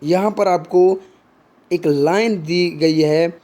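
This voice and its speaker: Explaining literary terms at an unhurried pace, this man has a mellow voice that sits well above most men's. He mixes Hindi explanation with English words and slow English read-outs of examples. His pauses are full of short hesitations and fillers.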